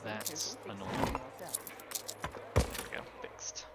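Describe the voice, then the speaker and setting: Low-voiced man streaming, clicks in background. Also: drawn-out words, very noisy. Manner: relaxed, talks to himself while building, chats with viewers. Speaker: game streamer. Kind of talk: casual live-stream commentary.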